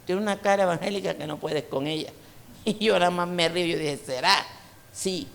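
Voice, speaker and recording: With a fairly low pitch, some vocal fry and a normal pace, a coastal Colombian woman preaches in a reverberant church hall. She sounds emphatic yet conversational, weaving in personal anecdotes, and there's slight background noise.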